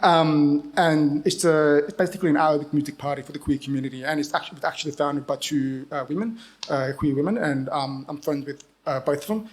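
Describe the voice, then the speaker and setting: A man's voice: a little high, steady tone, quick pace, hardly any pauses. A man in his thirties with an Australian accent, chatting on a live panel in a rambling, self-deprecating way, laughing often. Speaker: panelist, book editor. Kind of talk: casual chat at a live panel.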